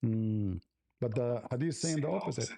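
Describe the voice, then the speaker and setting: A man hosting a livestream debate, raspy and mocking, halting with many fillers. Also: mid-range voice, a crowd in the background. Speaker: host.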